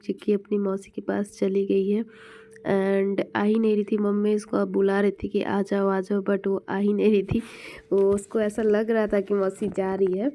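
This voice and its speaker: A young woman talks viewers through her family vlog in a chatty, explaining voice-over. Her tone is very dark and mellow, and her pitch stays level and even. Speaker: vlogger narrating her video.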